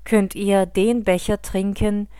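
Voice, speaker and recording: A woman reading the words of a calm male teacher speaking to his followers, in a solemn, measured way. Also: high voice, smooth, no room sound, clean studio sound.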